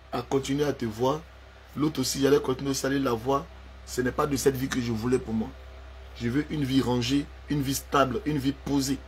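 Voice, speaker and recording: Man, middle pitch, fiery confrontational rant, repeats lines for punch. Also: a little hiss or hum. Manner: heated, accusing, repeats himself for emphasis.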